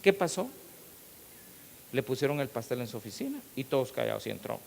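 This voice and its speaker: A middle-aged man, a pastor, preaching an animated sermon and acting out the people in his stories. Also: medium pitch, brisk, gravelly. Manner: animated storytelling, acting out quotes, rising to loud emphasis. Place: church hall. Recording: long hall reverb with faint hiss.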